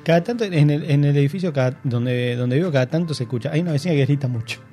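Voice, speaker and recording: A young adult man with a Rioplatense Spanish accent, co-hosting a casual radio chat, telling animated anecdotes and tripping over his words. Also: on the high side, faint music behind. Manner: fast, animated, stumbling anecdotes. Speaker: radio show co-host.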